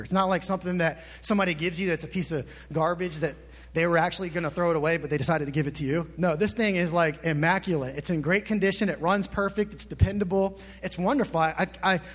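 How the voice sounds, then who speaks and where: Male pastor mid-sermon, high voice, fervent, long hall reverb. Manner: impassioned, builds to emphatic peaks, asks the congregation questions.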